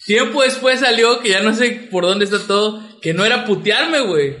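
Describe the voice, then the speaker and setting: A young Mexican man with a high, bright, sharp-edged voice tells crude, slang-filled stories on a podcast, a little tipsy. His voice bounces off the walls of an echoey room. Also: lively intonation, moderate pace. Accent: Mexican Spanish. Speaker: podcast co-host. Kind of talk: casual storytelling chat.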